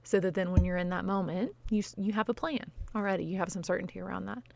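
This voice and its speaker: A woman life coach gives frank, conversational advice straight to camera, talking fast in a steady, mid-range voice that's creaky and darkish. She often tags points with "you know" and "right?" and occasionally swears.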